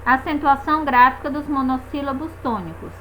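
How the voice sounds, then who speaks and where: A woman's voice: sits high, a little fast, noisy background. A woman teaching a grammar lesson, patiently checking in with her students and stretching out the stressed syllables of example words.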